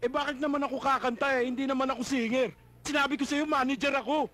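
A man's voice: extremely high pitch, steady tone, fast, sharp tone. A man playing an indignant male bank manager in a slapstick comedy, complaining after a wrongful arrest.

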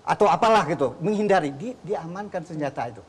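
A man's voice: on the high side, expressive, quick pace, slightly rough. A man, a defense lawyer, arguing insistently in a televised debate and often restarting his sentences. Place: tv studio.

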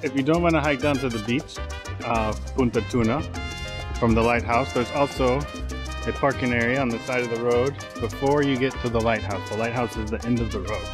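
A man's voice: mid-range voice, fairly even intonation, a little fast, music in the background. A man in his forties chatting casually as a travel vlogger, filming outdoors at a beach and in a car. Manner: chatty, joking tour-guide talk.

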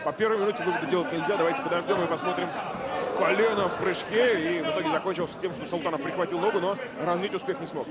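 A man's voice: high voice, fairly even intonation, fast talker. A man giving live sports commentary as the lead commentator on a fight. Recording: loud crowd and music behind. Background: noisy arena crowd and music.

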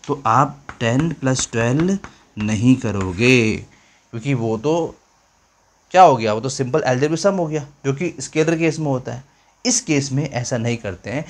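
A chatty male physics teacher explains a basic lesson in casual Hindi mixed with English phrases. He repeats his points and keeps asking the class if they follow. His voice sits at an ordinary middle pitch. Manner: chatty, repeats himself, mixes English phrases, calls viewers children.

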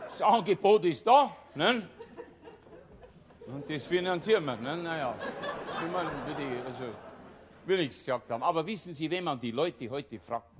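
A man's voice: fairly high pitch, slight background noise. An older man with a Bavarian accent doing a satirical stage monologue, rambling and breaking himself off, tagging nearly every line with a little question. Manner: rambling, self-interrupting, tags lines with "ne?" and "gell?". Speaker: cabaret performer. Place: live stage before an audience.

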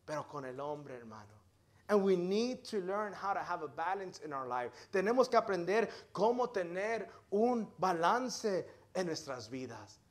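A man preaching a bilingual sermon at a church service, switching between English and Spanish line by line and calling the listener "hermano". He talks with energy, rising loud on key words and then dropping to low asides. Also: very animated, moderate pace.

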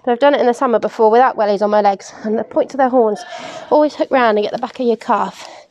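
A livestock keeper from England, in her twenties, talks casually through goat hoof trimming while working, practical and peppered with ums. Her voice is on the high side, quick and darkish in tone. The sound is lo-fi with slight background noise, recorded outside and in a large farm barn.

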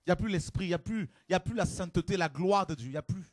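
A man preaching a fiery sermon to a congregation, with shouted exclamations and rhetorical questions. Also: sits high, rapid-fire, dry recording, clean studio sound.

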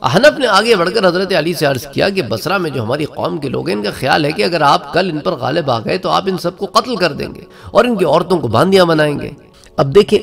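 Man, religious lecturer, gravelly and fairly high voice, faint music behind. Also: fairly bright tone. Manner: storytelling delivery with quoted speech and Quranic recitation. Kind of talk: Islamic history lecture.

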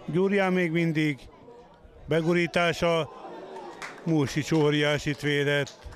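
A man's voice: fairly high pitch, level tone, slight background noise. A man giving live football match commentary. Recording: loud crowd at outdoor match. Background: match crowd outdoors.

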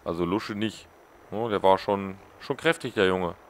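A man's voice: low voice, moderate pace. A man giving casual gameplay commentary as a let's play host, joking and mocking the characters on screen.

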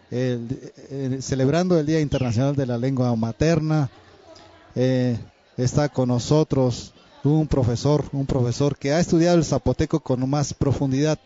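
A man hosting a live radio broadcast, steady with a few hesitant fillers. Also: medium pitch. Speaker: radio host. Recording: dull lo-fi recording.

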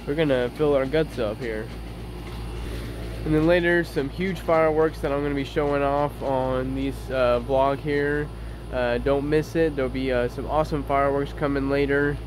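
A man's voice: medium pitch, normal speed. A young man, chatting casually and upbeat to his phone camera at arm's length outdoors, rambling with lots of fillers. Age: 20s. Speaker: vlogger. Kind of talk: casual vlog chat. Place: outdoors beside a house, and a kitchen. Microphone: handheld phone camera at arm's length. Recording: noisy outdoor phone recording.

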